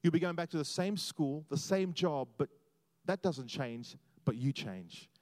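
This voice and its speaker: A man preaching as a guest church planter, animated and repeating phrases for emphasis. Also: fairly high pitch, measured pace, no echo. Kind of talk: sermon.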